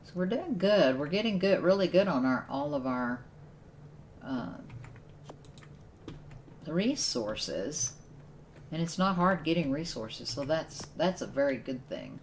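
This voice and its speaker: Woman, low-pitched, casual gameplay commentary, thinking aloud, faint noise behind. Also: lively intonation, slow, long pauses. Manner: thinks aloud while playing, with restarts and laughs. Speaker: streamer playing a survival game.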